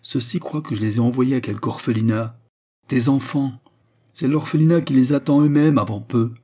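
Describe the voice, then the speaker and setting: A man's voice: mid-range voice, normal speed, pitched above the performer's own voice, close to an everyday voice. A man voicing a domineering older man who berates and threatens his brother, in a storybook reading. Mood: menacing. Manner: threatening, forceful.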